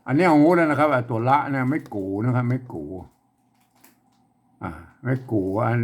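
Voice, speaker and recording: A man's voice: medium pitch, normal speed. A man teaching a casual spoken lesson, repeating himself and talking with many fillers. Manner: repetitive, rambling, with many fillers.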